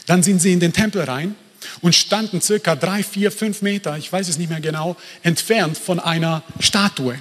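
A man preaching a sermon in a lively, emphatic way, turning to the congregation with asides. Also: high voice, moderate pace, big-room sound. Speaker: pastor.

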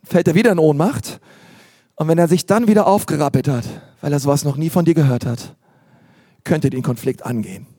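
A man preaching a sermon, emphatic and animated, with repetitions and acted asides to the congregation. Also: on the high side, a little fast, no room sound, studio quality. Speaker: pastor.

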